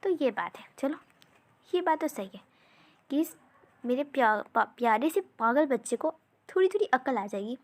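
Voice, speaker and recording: A woman's voice: sits high, lively intonation, normal speed. Woman voicing a teasing, fond queen mother.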